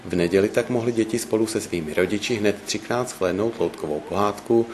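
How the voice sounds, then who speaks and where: Man, lowish voice, scripted news narration, local reporter, faint background noise. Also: a little mellow.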